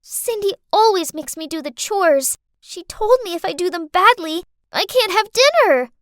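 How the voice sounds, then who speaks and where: A woman's voice: extremely high pitch, lively intonation, moderate pace, a bit bright, no room sound, clean studio sound, voice pushed up. A woman voicing a bratty, scheming young girl in a story, whiny, defiant and dramatic. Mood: accusing.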